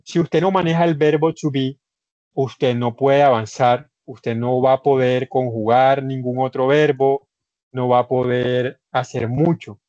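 A Colombian man explains English grammar to his students in a patient, repetitive teaching manner. His voice sits at an ordinary pitch. The recording is dry and somewhat muffled, like audio from an online session. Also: fairly even intonation, a little slow, a little mellow, dry recording. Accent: Colombian Spanish. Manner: repeats points, addresses students as usted.

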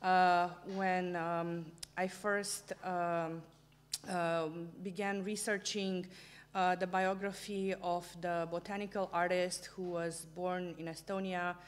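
A Romanian curator gives a book talk as a lecture in a small indoor gallery room, speaking into a table microphone on a stand. Her fairly low voice has a clean tone and flat delivery, and she comes across as earnest but halting, with many fillers.

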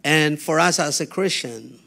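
Preacher guy, high bright voice, keeps asking the crowd "right?". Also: unhurried, creaky. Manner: preaching with emphatic call-and-response. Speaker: pastor. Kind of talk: sermon.

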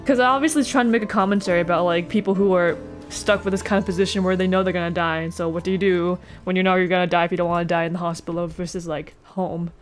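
Over faint music from a story game, a young female let's play streamer offers loose, rambling reactions, giggling and leaving thoughts unfinished. Her voice sits on the low side.

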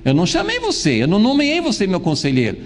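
An indignant ancient king, put on by a male teacher, barks dismissive commands at a prophet. The voice rides high and sharp, clipped with outrage. It rings out with the long tail of reverb of a big hall. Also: huge pitch swings, fast, heavily acted. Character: angry proud ancient king silencing a prophet.

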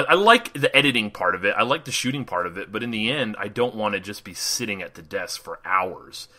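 A man's voice: medium pitch, pushed and bright. A male wedding photographer co-hosting a podcast, talking casually and rambling with lots of fillers and laughs.

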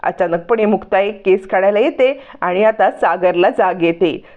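Woman narrating a serial recap over a tinny line. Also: normal speed. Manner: lively, voices the characters' lines with raised pitch. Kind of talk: storytelling recap with acted quotes. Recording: narrow phone-like sound.

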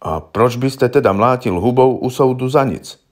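A man's voice: medium pitch, natural voice. A man voicing a simple, stubborn farmer who talks bluntly and plainly in a rustic way. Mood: indignant. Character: simple, stubborn middle-aged male farmer accused of murder.

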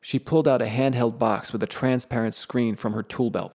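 A man giving scripted audiobook narration with a steady storytelling delivery. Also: medium pitch, fairly quick, vocal fry.

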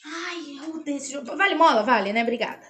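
A young woman hosting a gaming video, casually chatting, with a bossy, teasing manner and loud outbursts. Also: high-pitched, lively intonation, fast talker, faint music behind. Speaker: gaming channel host. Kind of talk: casual gameplay chat.

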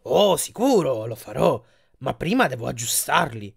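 A man's voice: mid-range voice, sing-song, normal speed, vocal fry, breathy edge, full character voice. A man doing a smarmy giant salesman. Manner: oily salesman patter.

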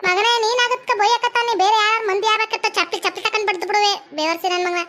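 A woman playing a bossy, sharp-tongued middle-aged village aunt in a comedy skit, speaking with a North Karnataka Kannada accent. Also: very high-pitched, steady tone, racing. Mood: scolding. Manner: scolding, sharp-tongued, theatrical.

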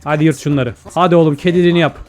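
A man's voice: fairly high pitch, fairly even intonation, racing. A young man narrating his gameplay in casual let's-play commentary, talking to himself and to the viewers and reading out in-game lines. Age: young adult. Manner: chatty, talks to himself and the viewers while playing; reads out in-game dialogue. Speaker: gaming YouTuber.

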